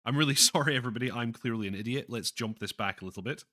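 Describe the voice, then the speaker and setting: A man hosting a live stream, chatting casually with viewers, self-deprecating and halting, with many restarts. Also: mid-range voice, very noisy. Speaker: livestream host reading chat.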